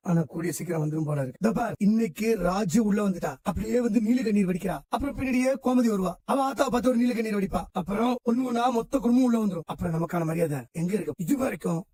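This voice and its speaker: An actor playing a scheming, greedy middle-aged uncle in a television drama, talking in a low conspiratorial tone. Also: male voice, quick pace, few pauses, warm tone, slightly rough, dry recording.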